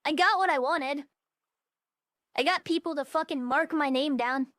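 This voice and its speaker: This is a young woman VTuber in casual livestream chat, her high-sitting voice slightly bright at normal speed. She's blunt, profane and scattered, using a voice changer turned down toward a natural tone, and the studio-quality audio carries no echo.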